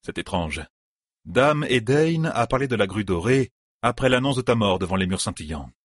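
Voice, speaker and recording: A man voicing a handsome young swordsman who talks in a smooth, ironic way. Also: on the low side, expressive, moderate pace, no echo, studio quality. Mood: uneasy.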